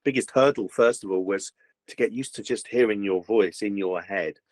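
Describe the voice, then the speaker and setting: A man's voice: fairly low pitch, normal speed, no room sound, low-quality recording. A voice actor, a man, chatting in an interview with lots of "you know" fillers and restarts. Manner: animated, many fillers and restarts. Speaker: voice actor guest. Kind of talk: casual interview chat. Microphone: home recording booth.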